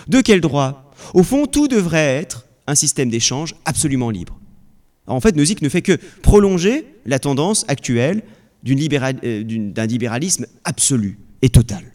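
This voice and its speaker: Animated man lecturing. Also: medium pitch, normal speed. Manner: lively, many restarts and rhetorical questions. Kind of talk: spoken lecture on political philosophy.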